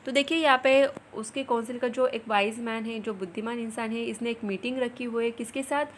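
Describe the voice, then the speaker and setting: A woman's voice: on the high side, steady tone, a little fast, a little hiss or hum. A woman teacher with an Indian English accent explaining a story step by step and asking the class questions. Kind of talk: explaining an English lesson in Hindi.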